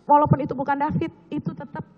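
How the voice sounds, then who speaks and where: A hoarse woman giving earnest, step-by-step testimony as a witness in a courtroom. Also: high-pitched, level tone, fast talker. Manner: earnest, recounting events step by step with gestures. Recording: echoey hall, muffled lo-fi sound.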